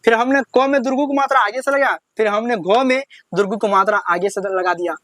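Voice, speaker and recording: Man, high voice, alphabet lesson, patient, repetitive, dry sound. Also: fast talker, a bit bright, dry recording. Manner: patient, repetitive, drawing out each syllable when reciting. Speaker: teacher.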